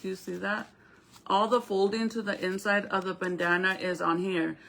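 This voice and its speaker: Woman, bright forward voice, medium pitch, speaking through a retainer, informal live-stream crafter, conversational explaining. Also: flat delivery, normal speed, creaky. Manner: speaking with a retainer in her mouth; informal, conversational, addresses viewers directly.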